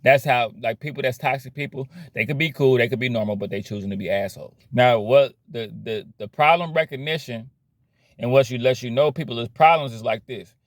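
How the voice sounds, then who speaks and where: A man's voice: mid-range voice, fairly quick, dry recording, studio quality. A man giving a blunt, slangy motivational rant about cutting problem people out of your life, repeating himself as he preaches. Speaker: motivational vlogger.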